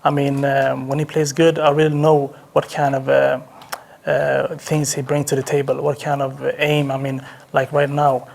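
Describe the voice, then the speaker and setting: Gravelly, halting team captain. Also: male voice, mid-range voice, monotone, darkish tone. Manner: hesitant, halting, heavy on fillers. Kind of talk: post-match interview.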